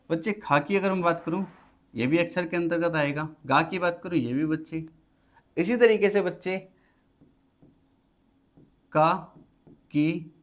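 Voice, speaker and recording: A man from India with a Hindi accent from Uttar Pradesh, teaching an exam-prep grammar lesson and answering his own questions in the students' voice. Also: fairly high pitch. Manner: repeats key phrases slowly while writing on a board.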